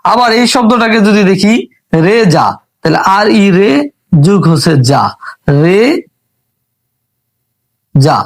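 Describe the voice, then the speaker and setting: Patient high-voiced Bangladeshi teacher. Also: male voice, expressive. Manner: patient, repeats and spells out syllables slowly. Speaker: English reading teacher. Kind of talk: step-by-step spoken lesson.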